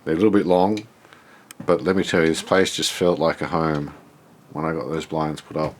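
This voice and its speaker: A man's voice: a bass voice, flat delivery, normal speed, slight background noise. A man with an Australian accent and a blocked, nasal voice, giving a casual, unscripted walk-through as he thinks aloud. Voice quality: stuffed-up, nasal from a blocked nose. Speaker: vlogger showing a self-built shed.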